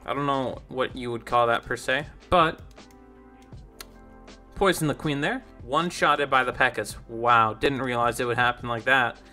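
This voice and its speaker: A man's voice: medium pitch, normal speed, sharp tone, soft background music. A young man giving rambling, casual commentary over his own gameplay, easily confused and self-deprecating. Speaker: gaming YouTuber.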